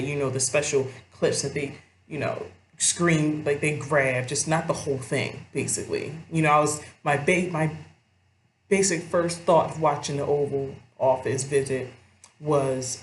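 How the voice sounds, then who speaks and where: A woman's voice: sits low, a little hiss or hum. A young woman giving casual commentary to her viewers, rambling and swearing freely as she talks straight to them. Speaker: vlogger. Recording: roomy echo.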